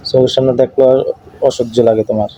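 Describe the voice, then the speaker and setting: Talking fast in a mid-range, dark voice with little pitch movement, a YouTube creator from the eastern Bengali dialect area presses his points again and again in a casual domestic argument over the phone. The call recording sounds dull and lo-fi, carrying faint noise.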